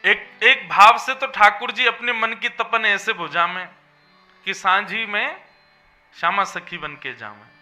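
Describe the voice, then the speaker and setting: A man's voice: sits high, measured pace, sharp tone, faint music behind. A man giving a devotional sermon as a religious storyteller, preaching in an emphatic, melodic way. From Vrindavan region.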